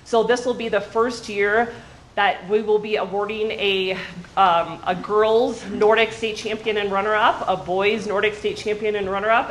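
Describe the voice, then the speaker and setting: A woman's voice: mid-range voice, a little hiss or hum, poor audio. A woman giving an informative, friendly presentation to a room of coaches and athletic directors, recorded by a camera at the back of the room. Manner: friendly, informative, with frequent ums. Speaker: state athletic association staff presenter. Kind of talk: meeting presentation. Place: large meeting room with seated audience. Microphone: far camera at back of room.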